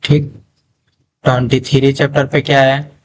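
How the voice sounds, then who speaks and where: Math teacher guy, slow talker, reads out the syllabus and says everything twice, low hum behind. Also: flat delivery, low-quality recording. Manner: slow and repetitive, saying each topic name twice; asks each question himself and then answers it. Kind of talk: syllabus walkthrough lesson.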